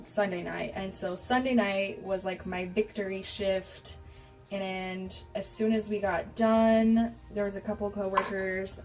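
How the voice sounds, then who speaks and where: Brief: young adult American woman, candid casual vlogger storyteller, middle-pitched, recorded at a distance with music behind. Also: darkish tone. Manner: candid, giggly, swearing freely, acts out quoted dialogue. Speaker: beauty vlogger.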